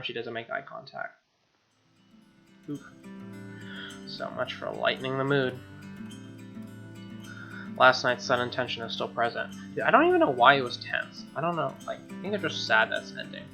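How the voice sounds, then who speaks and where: This male game streamer sounds animated and sharp, speaking at a moderate pace with long pauses in a medium pitch. Between casual chatter and narration read aloud, he drops muttered asides over background game music.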